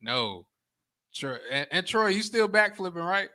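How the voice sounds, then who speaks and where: A male interview host with a bright, sharp voice. He talks in an upbeat, joking way and praises his guest. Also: high voice, sing-song, measured pace. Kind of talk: casual interview chat.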